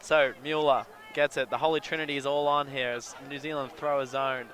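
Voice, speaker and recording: A man commentating live on a sports match, calling the plays quickly and getting excited over good catches. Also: mid-range voice. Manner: excitable, quick calls of the play. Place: outdoors at a sports field. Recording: crowd noise at an outdoor field. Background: cheering crowd.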